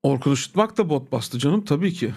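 A man's voice: on the high side, lively intonation, normal speed, vocal fry, a little mellow, husky. A man streaming live, ranting casually to his viewers, blunt, profane and irritated. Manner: addresses viewers familiarly as "abi" and "agalar". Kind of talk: casual livestream rant.

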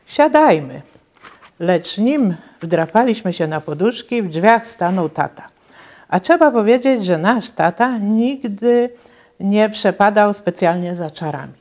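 A woman's voice: medium pitch, lively intonation, a little slow, a little mellow. Woman reading a children's story aloud. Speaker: reader at a cultural centre reading event.

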